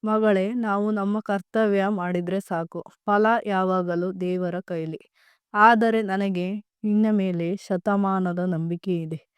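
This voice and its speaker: A woman's voice: mid-range voice, fairly even intonation, slow pace, clean tone, no echo, natural voice. Woman playing a caring reassuring mother. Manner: soothing, reassuring.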